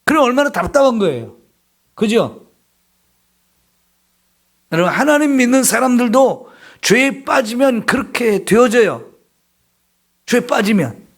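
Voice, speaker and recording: A man's voice: very high voice, big pitch swings, a little slow, pauses often, fairly bright tone. A middle-aged male pastor preaching an emphatic sermon in a church, acting out confessions in a raised voice.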